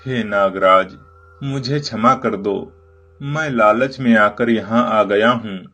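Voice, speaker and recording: A man's voice: a little high, slow pace, faint music behind. A man voicing a poor, greedy and timid village farmer in a Hindi cartoon, full of rustic exclamations. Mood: pleading. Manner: fearful, pleading, rustic exclamations.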